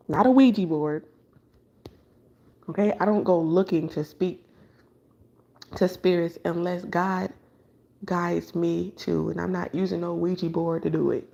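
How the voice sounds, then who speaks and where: A low-voiced, mellow woman who reads tarot rambles through a late-night spiritual monologue after a sleepless night. She is blunt, swears casually and keeps restarting her sentences. The audio is dull and lo-fi. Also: creaky. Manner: loose, conversational, with filler words and frequent restarts. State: up all night without sleep. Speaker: tarot reader.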